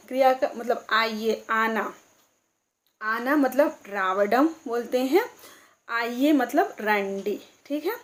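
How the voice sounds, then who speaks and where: A woman teaching a beginner language lesson, asking her viewers questions and slowly repeating each answer. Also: a little high.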